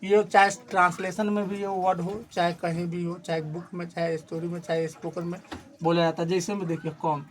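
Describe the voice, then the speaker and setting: A male teacher giving a classroom grammar lesson, explaining slowly and repeating points, asking questions and answering them himself, pointing to a board. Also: sits high, level tone, a little hiss or hum. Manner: repetitive, asks and answers own questions; slow, stressed explanation.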